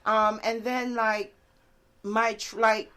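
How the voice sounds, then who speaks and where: A woman's voice: on the high side, takes it slowly, clean tone. Earnest woman sharing a faith testimony. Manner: earnest, many fillers like "like" and "you know"; animated storytelling with laughter. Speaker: guest author. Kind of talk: conversational interview testimony.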